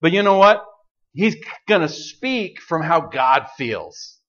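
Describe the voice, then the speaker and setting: A man preaching a sermon in an animated, joking way, putting questions to the congregation. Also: fairly high pitch, slow, lo-fi sound. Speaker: pastor.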